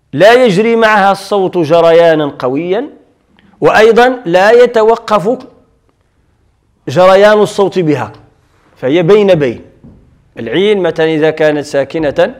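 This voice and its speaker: Moroccan sheikh type guy lecturing on tajweed, voice a bit on the high side, keeps asking questions then answering them. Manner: explanatory, repeats key terms and asks himself questions. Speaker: Quran recitation teacher.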